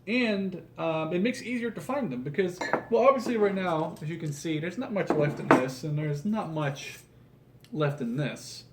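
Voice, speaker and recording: Building at a table in his small room, this Dutch YouTube host in his twenties keeps up a casual, rambling patter that is halting and self-mocking. His voice sits on the high side and is expressive. The camera across the table captures him from slightly afar, along with room noise and clicking pieces.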